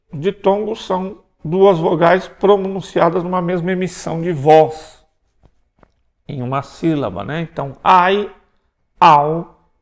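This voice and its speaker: A man's voice: high-pitched, a little mellow. Brazilian man explaining Greek letters. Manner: explanatory, pointing to board, tag questions. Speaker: Greek language teacher. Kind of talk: recorded lecture.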